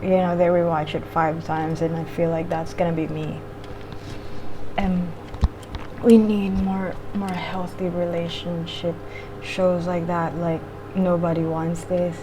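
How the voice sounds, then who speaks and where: A woman's voice: lowish voice, level tone, unhurried. A woman chatting casually and informally between bites of food, meandering from thought to thought as in a mukbang vlog. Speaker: vlogger eating on camera while reviewing a show. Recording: clearly audible background noise.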